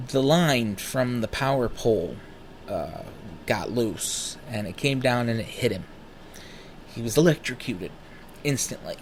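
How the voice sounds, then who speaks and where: A man of thirty tells stories about his own past in a loose, rambling, animated way. He swears casually and smokes between sentences. His voice sits at an ordinary middle pitch. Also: slight background noise. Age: 30s. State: smoking while talking. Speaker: vlogger. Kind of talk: casual personal storytelling.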